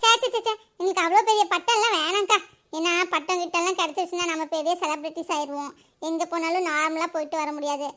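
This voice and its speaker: A woman doing a shrill gossiping village woman. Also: steady tone, sharp tone, slight background noise. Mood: mocking. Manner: scolding, quick and mocking. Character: sharp-tongued gossiping village woman, adult. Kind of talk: cartoon voice acting.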